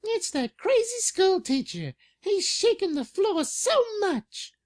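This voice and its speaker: A man voicing a complaining woman neighbor in a shrill falsetto while reading a comic aloud. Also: very animated, takes it slowly, exaggerated voice. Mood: annoyed.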